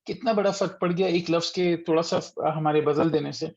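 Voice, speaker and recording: A man leads an online recitation lesson, patiently repeating each letter slowly and clearly for his students. His voice is gravelly and a little high. The call audio sounds dull and lo-fi. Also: fairly even intonation, darkish tone. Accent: Urdu-speaking. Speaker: Quran recitation teacher. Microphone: computer mic on a video call.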